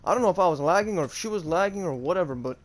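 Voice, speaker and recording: A gaming YouTuber with a high, expressive voice races through casual live commentary on his gameplay. His talk is informal, full of slang and swearing, with soft music in the background.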